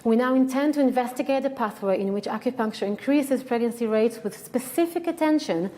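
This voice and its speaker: Israeli woman, conference lecturer; mellow, slightly high voice, frank and emphatic delivery. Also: fairly quick. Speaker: researcher giving a conference talk. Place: conference hall.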